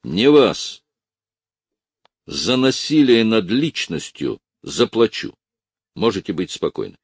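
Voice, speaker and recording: A stern, harsh military officer giving clipped, forceful orders, voiced by a male storyteller. The voice is husky, with a deep base and lively rises in pitch. The recording is close and dry. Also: slow, no room sound, exaggerated voice. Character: blunt, stern army officer, commanding and harsh.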